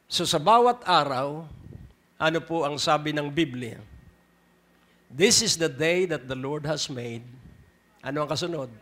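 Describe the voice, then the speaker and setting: A Filipino pastor with a Filipino accent preaches in a measured, unhurried way, leaning on each phrase. His voice sits slightly high for a man. He swings between quiet stretches and loud emphatic bursts. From Philippines. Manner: switches between Tagalog and English, repeats key lines for emphasis. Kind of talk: sermon with prayer.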